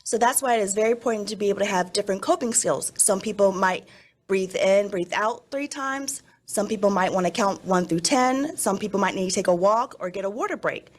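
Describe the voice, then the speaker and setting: A woman's voice: medium pitch, fairly quick. A woman teacher explaining things to young children in simple, instructive phrases during a school announcement.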